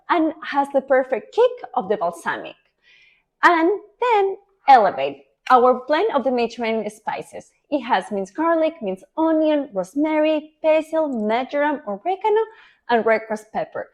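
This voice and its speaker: Spanish lady in her 30s hosting a cooking show, high voice, really animated, excited and punchy. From Spain. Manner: enthusiastic, expressive, emphatic. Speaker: olive oil sommelier and cooking show host. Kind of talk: scripted introduction to camera.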